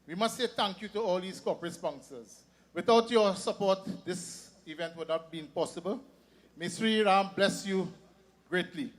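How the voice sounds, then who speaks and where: A man's voice: high voice, moderate pace. A man, an event organizer addressing a festival crowd. He reads through a long list of sponsors, then talks more freely, with restarts and repeated words. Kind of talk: public address at a religious festival.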